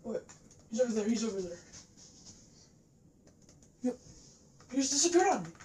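A woman's voice: fairly high pitch, big pitch swings, moderate pace, a little mellow. A woman giving casual gameplay commentary as a gamer, recorded in a living room on a camera. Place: indoors, living room facing a TV. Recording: roomy echo, background noise, controller clicks.

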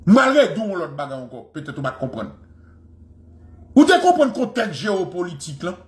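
A man's voice: high-pitched, very animated, normal speed. A man giving an impassioned history lecture, fervent and repeating phrases for emphasis.

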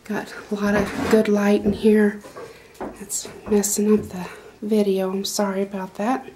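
Recorded on a handheld phone against a noisy background, a middle-aged woman gives a casual tour of her small wooden goat barn. She speaks monotonously and unhurriedly in a mid-range voice, rambling with many fillers and restarts.

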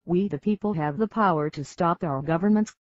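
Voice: medium pitch, no echo. Dull, synthetic voice reading a formal announcement. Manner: formal, measured, declarative. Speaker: activist narrator. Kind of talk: scripted announcement. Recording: dull lo-fi audio.

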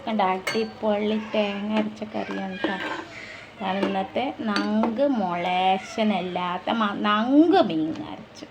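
A woman narrates her cooking in a relaxed, chatty way, often checking in with her viewers. Her voice sits in an ordinary middle pitch. Loud clanking pots, dishes and stirring from her home kitchen fill the recording behind her. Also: slow, heavy background noise. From Malappuram, Kerala. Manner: chatty, keeps adding friendly tag questions to viewers. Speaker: home cooking vlogger and mother. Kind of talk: casual cooking vlog narration.

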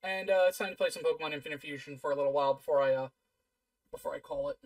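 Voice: mid-range voice, racing, distant mic. A person casually commenting on their game, thinking aloud with a tinny, metallic-sounding mic. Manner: chatty, rambling, thinking aloud with many fillers. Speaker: gamer playing through a game. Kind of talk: casual let's-play commentary. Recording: tinny voice off the mic over loud game music. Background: loud game music.

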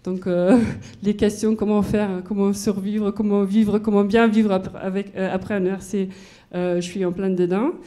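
A woman's voice: medium pitch, level tone, moderate pace, dark tone. A woman in her forties with a German accent, a research physicist giving a conference talk, moving about and explaining with everyday examples. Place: university lecture hall. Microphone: handheld microphone.

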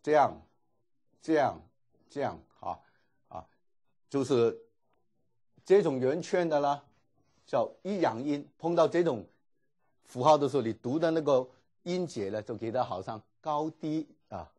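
A man's voice: medium pitch, lively intonation, a little slow, long pauses, a little mellow. A man teaching a Greek class, explaining patiently and dropping frequent filler particles. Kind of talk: classroom lecture.

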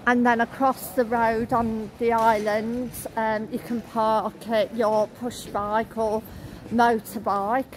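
Filming herself on a phone held at arm's length, a woman in her thirties wanders city streets giving halting travel-vlog narration full of ums and uhs while pointing things out. Her voice is a little high, slow, and flat, and the recording is low quality. Traffic and street noise come through clearly in the background.

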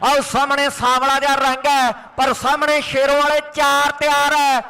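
Frantic high-pitched man, rural Punjabi sports commentary. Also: completely flat delivery, moderate pace, sharp tone. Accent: Punjabi from Indian Punjab's Malwa region. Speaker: kabaddi match commentator.

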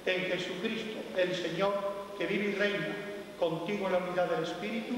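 A man as a priest leading Mass, solemnly intoning liturgical prayers, his voice heard with a booming church echo. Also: fairly even intonation, moderate pace, a bit bright. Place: large church, indoors. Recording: echoey church from a distance, hiss.

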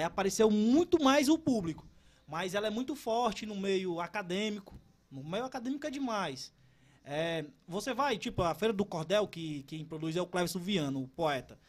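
High-voiced man in his thirties. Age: 30s. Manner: animated, stumbling restarts. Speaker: cordel poet guest. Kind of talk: casual interview talk.

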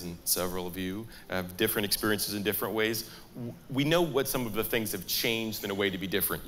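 A man's voice: on the low side, a bit bright, slight background noise. A middle-aged man moderating a panel discussion on stage, talking conversationally and reflectively. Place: large atrium stage with audience.

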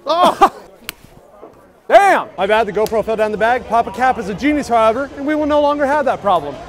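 At night in the rain at outdoor stadium golf bays, a young man in his twenties vlogs with an action camera at arm's length. He speaks briskly at an extremely high pitch, giving excited running commentary punctuated by loud outbursts. Crowd chatter and music make the recording noisy.

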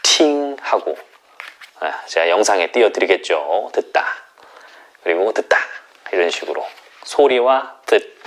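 A man's voice: on the low side, expressive, a little slow, pauses often. A man teaching a Chinese lesson in Korean, explaining tones and stretching out single syllables to demonstrate them. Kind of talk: online language lesson.

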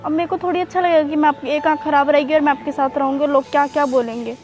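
A woman with a high voice who speaks softly and pleadingly, trying to soothe the person she is talking to. Faint music sits in the background. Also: fairly even intonation, fast talker. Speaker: YouTuber pranking her partner. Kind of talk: emotional couple vlog talk.

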